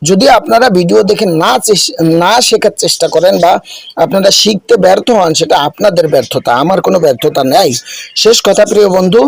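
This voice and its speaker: A man with a Bangladeshi Bengali accent teaching Quran letters, drilling them slowly for students to repeat. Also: high voice, creaky, no room sound, low-quality recording. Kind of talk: recitation drill lesson.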